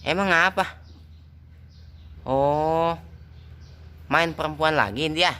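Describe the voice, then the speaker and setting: A man's voice: a little high, takes it slowly, pushed and bright, smooth. A man, chatting casually and teasingly as he scolds and coaxes his pet cats. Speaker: pet channel host.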